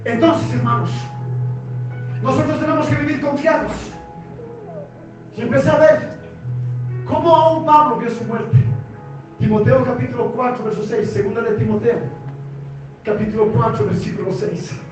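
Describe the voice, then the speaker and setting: Male pastor, very high voice, impassioned shouting sermon, booming echoey hall from a distance. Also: fairly even intonation, moderate pace, long pauses. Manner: impassioned, often shouting, emphatic repetition. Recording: echoey hall from far off, dull, music and congregation behind.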